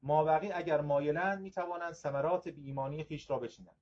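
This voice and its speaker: A man reading aloud the lines of a prisoner who claims to be the jailer's son, in a measured, gentle way, on a slightly dull recording. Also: fairly high pitch, lightly acted. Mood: calm.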